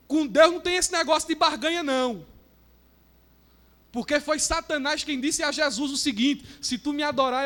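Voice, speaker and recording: High-voiced impassioned preacher. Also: male voice. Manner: impassioned preaching, swinging from hushed to shouting, acts out quoted voices. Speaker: pastor. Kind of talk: sermon. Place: church.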